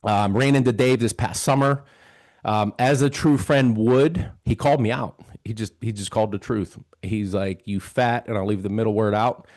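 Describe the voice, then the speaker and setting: A man's voice: fairly low pitch, moderate pace, a little mellow. A man in his fifties hosting a show, casually and earnestly telling a personal story and retelling dialogue as he goes. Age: 50s. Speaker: host.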